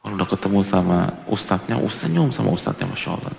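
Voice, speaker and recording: A man gives a religious study lecture to a gathered congregation, joking and slipping into little acted-out exchanges. His low, gravelly voice swings widely in pitch. The audio is dull and lo-fi, with the long echo of a big hall. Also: animated, fast talker, darkish tone, a little hiss or hum. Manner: humorous, colloquial, acts out little dialogues. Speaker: Islamic preacher.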